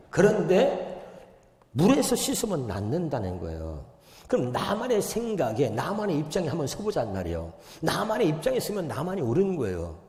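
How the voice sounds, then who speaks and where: A man preaching a revival sermon, using call and response and swinging from loud shouts to quiet murmurs. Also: medium pitch. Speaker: pastor. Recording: echoey church hall.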